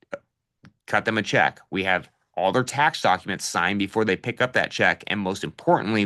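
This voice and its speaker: A man's voice: low voice, pushed and bright. A middle-aged man coaching a live online session on real estate, casual and direct, calling listeners "you guys" with plenty of fillers. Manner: direct practical advice with fillers.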